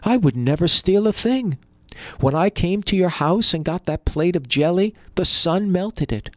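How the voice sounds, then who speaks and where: A man's voice: high voice, lively intonation, a little slow, no echo, voice pushed up. A man voicing a poor, humble peasant man who sounds earnest and worried, speaking in a raised, pleading voice.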